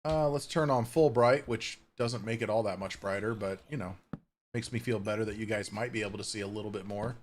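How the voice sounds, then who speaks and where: A Minecraft streamer gives casual, chatty commentary on his gameplay from home, swearing offhandedly and cooing at his cat. He talks briskly in a fairly low male voice, with a little hiss or hum in the recording.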